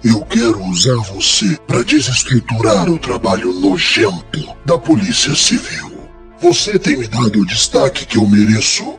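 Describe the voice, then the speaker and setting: A man voicing a menacing anonymous killer on the phone, his voice distorted as if by a voice changer, speaking slowly and coldly in an audio story. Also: medium pitch, huge pitch swings, pitched below the performer's own voice. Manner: slow, cold and taunting. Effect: distorted voice, as through a voice changer. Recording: music underneath.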